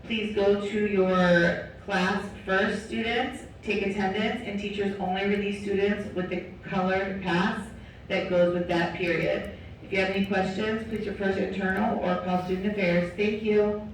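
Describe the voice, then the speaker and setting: A woman making a formal announcement to teachers and students over a school intercom loudspeaker. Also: medium pitch, flat delivery, normal speed. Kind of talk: public address announcement. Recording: echoey distant loudspeaker, faint noise.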